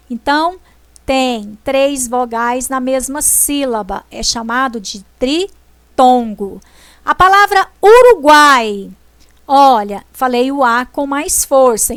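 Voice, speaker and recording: A woman teacher, explaining a grammar lesson slowly and deliberately, stressing syllables as she goes. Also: high voice, fairly bright tone, no echo. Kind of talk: slow classroom explanation.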